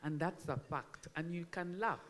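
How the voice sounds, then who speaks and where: A woman's voice: lowish voice, moderate pace. A Kenyan woman in her sixties giving a candid, emphatic, informal speech, with speech shaped by missing front teeth. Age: 60s. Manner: candid, self-deprecating, emphatic. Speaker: agricultural research speaker. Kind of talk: informal speech at a launch event. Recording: long hall reverb on microphone.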